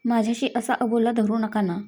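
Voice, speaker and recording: A woman's voice: on the high side, level tone, a little fast, warm tone, natural voice. A woman voicing a tearful young wife who pleads with her husband, in a read-aloud story. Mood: pleading.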